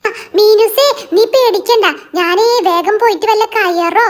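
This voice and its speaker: A woman's voice: extremely high pitch, unhurried. A woman voicing a cheerful, caring little boy doll in a children's doll story, calling out eagerly and reassuring his friend.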